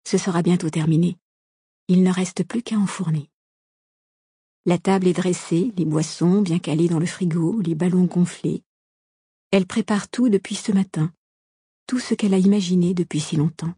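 A woman reading a novel aloud as an audiobook narrator, calm and measured, recorded on a close studio microphone. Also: lowish voice, slightly rough, no room sound. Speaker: audiobook reader.

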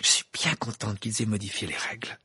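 A man voicing a fond middle-aged mother witch who gently chides the children. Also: fairly low pitch, a little fast, slightly rough, no echo, studio quality, exaggerated voice.

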